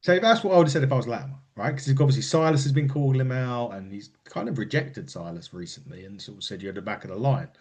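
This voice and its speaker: Male podcast co-host, mid-range voice with lots of melodic movement, talks in animated, rambling bursts. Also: mid-range voice, fast, hardly any pauses. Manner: rambling and animated, with frequent laughs and restarts. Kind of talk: casual wrestling chat.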